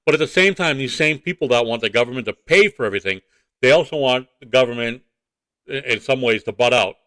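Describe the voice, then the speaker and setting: A man's voice: medium pitch, fast, bright, forceful tone, dry recording. Blunt, rambling man. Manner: blunt, rambling, repeats himself. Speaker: morning show co-host. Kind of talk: casual opinionated radio-show banter.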